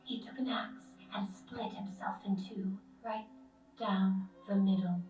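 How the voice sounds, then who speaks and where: An ageless, gentle lamb spirit of death from a video game, voiced by a woman. The delivery is slow, calm and solemn, with measured poetic phrasing. The voice rings with echo and sounds set back from the listener. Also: mid-range voice, narrow, tinny audio, natural voice. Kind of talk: scripted game character voice lines. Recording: echoing, distant playback over music.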